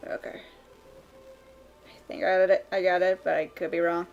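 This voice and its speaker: A woman streamer chatting casually while she draws, rambling with many fillers and quick laughs. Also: on the low side, level tone, gravelly, dull audio. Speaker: streamer drawing live. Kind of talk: casual chat while drawing. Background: faint background music.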